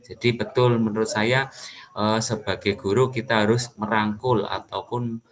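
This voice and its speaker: Low-voiced teacher man, lilt. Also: steady tone. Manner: measured, thoughtful, with fillers. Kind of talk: group discussion among teachers.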